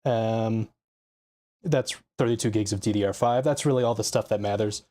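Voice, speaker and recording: A man's voice: on the low side, moderate pace, dark tone. A young man on his first live stream, chatting casually and a bit scattered as he fiddles with his audio settings and starts a PC build at his desk. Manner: scattered and self-deprecating, thinking aloud. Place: home desk setup. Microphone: desk mic with live compressor tweaks.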